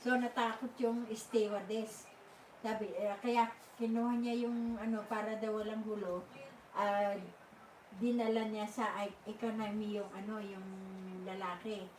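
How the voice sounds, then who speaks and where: An older woman tells a story in a slow, halting way, stopping often to search for words. Her voice sounds distant from the mic, in an echoey room with faint ambience behind her. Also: medium pitch, little pitch movement, a little mellow, slight background noise. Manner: halting, many fillers and restarts. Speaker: live stream host. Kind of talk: casual storytelling.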